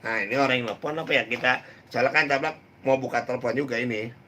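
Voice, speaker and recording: A man's voice: mid-range voice, fast talker, sharp tone, a little hiss or hum. A young man hosting a live comedy stream, teasing viewers and drawing out words in a sing-song way. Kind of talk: joking live chat answering viewer comments.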